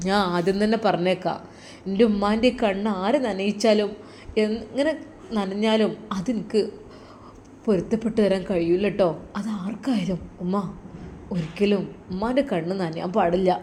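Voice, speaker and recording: This is a gentle, earnest grown son comforting his mother, in a Malappuram Malayalam accent, as a woman storyteller puts him on. He talks warmly and reassuringly. The pitch stays at a woman's usual middle. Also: moderate pace, a little hiss or hum, natural voice.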